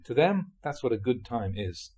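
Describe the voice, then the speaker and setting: Here a monk reads translated Buddhist teachings aloud as if narrating an audiobook, keeping a moderate pace. His mid-range voice is gentle and mellow, touched with huskiness and slight roughness, and its freely moving pitch gives the reading a storyteller's expressiveness.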